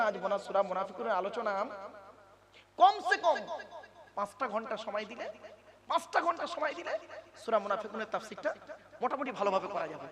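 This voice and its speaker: High-voiced dramatic male preacher. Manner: dramatic, swinging between loud calls and hushed asides; asks the crowd rhetorical questions. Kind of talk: sermon at an Islamic gathering. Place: large religious gathering. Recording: long reverb with crowd noise. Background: audience murmur.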